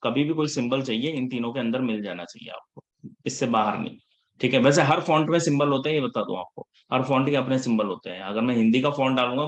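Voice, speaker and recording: Hindi-speaking man teaching a casual class. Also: medium pitch. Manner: casual Hinglish teaching, checks in often with the class; scolds students about attendance. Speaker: instructor. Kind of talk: live class lecture.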